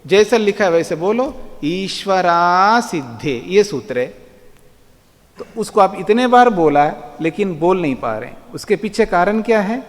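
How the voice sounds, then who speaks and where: Man teaching a class, slow patient delivery, animated pitch, long reverb. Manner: patient, repeats words slowly for students. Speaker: Vedic philosophy teacher. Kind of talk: classroom lecture. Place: ashram lecture hall.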